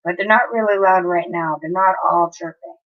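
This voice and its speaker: A woman's voice: lowish voice, fairly even intonation, moderate pace, muffled recording. A woman, livestreaming from home and telling a long story in a casual, chatty way with frequent swearing. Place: home, near an open window.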